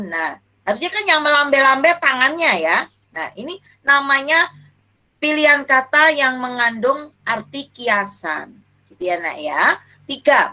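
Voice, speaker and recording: A woman's voice: a little high, pushed and bright. A young woman teacher, teaching a children's class, affectionate and calling her pupils dear, asking questions and answering them herself. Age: young adult.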